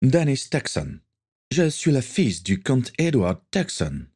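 A man's voice: mid-range voice, sing-song, takes it slowly, a little mellow, slightly rough, no echo, studio quality, voice pushed up, heavily acted. A man doing a proud young English noble. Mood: stiff.

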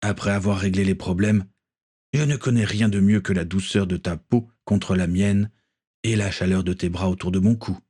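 Man reading as a steady, commanding ship captain. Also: low-pitched, slightly rough. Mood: gentle. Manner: measured, commanding. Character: stern, calm male ship captain.

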